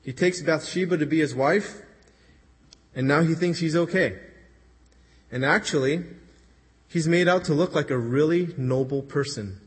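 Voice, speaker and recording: Husky-voiced man preaching in a reverberant hall. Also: on the high side, a little slow, long pauses. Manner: earnest, conversational retelling with quoted voices. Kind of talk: sermon.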